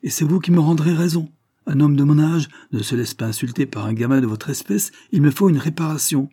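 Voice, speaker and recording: Storybook: man voicing a harsh, scornful old colonel, raised and accusing, husky edge. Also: lowish voice, lively intonation, normal speed, warm tone, no echo, studio quality. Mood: contemptuous. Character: stern old male colonel, contemptuous and quick to anger.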